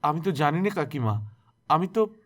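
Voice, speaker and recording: A man's voice: on the high side, sing-song, a bit bright, pitched above the performer's own voice. A man voicing a frightened young village girl who stammers. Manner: halting, stammering.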